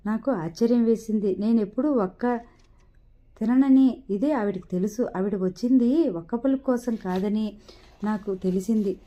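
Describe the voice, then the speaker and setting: A woman reading a novel aloud in steady storytelling narration. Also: medium pitch, normal speed. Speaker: audiobook narrator. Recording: dull lo-fi recording.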